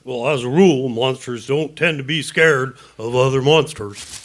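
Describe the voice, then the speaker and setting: A man's voice: medium pitch, normal speed, natural voice. A man playing an easygoing scaly old monster. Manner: easygoing, offhand. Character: laid-back scaly old male fire-breathing monster. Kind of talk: audio drama.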